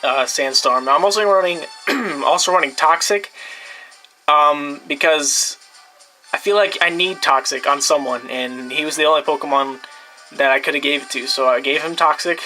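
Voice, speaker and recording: Young man, casual game talk, bright tone, fillers and restarts. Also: on the high side, low-quality recording. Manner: rambling, many fillers and restarts. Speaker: gameplay video creator. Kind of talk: casual team showcase.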